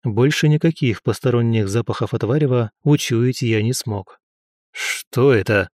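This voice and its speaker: A man reading a first-person story as an audiobook narrator in a steady, even way. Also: mid-range voice, normal speed, no room sound, clean studio sound.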